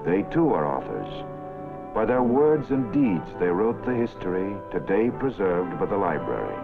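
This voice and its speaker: A man narrating an old newsreel in a formal, measured announcer delivery, with the sound of an old film soundtrack. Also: fairly low pitch, very animated, gravelly. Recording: tinny lo-fi 1940s film soundtrack with music.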